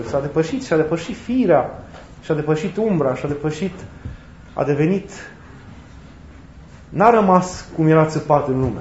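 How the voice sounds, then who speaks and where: A man's voice: fairly high pitch, slight background noise. Reflective man preaching in a roomy space. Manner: reflective, repeats and rephrases his points, with gentle humor. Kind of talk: sermon. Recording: roomy, slightly dull recording with faint ambience.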